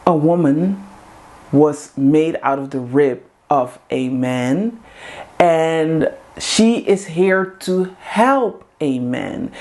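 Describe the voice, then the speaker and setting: Speaking English to camera, a Dutch-native woman hosts a women's group with an earnest motivational talk, repeating coaching lines. Her voice is low-pitched and a little mellow.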